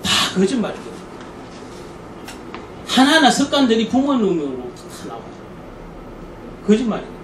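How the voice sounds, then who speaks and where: Animated male church parenting lecturer. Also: sits high, normal speed, long pauses. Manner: animated storytelling, acts out quoted people. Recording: echoey room, distant mic, faint noise.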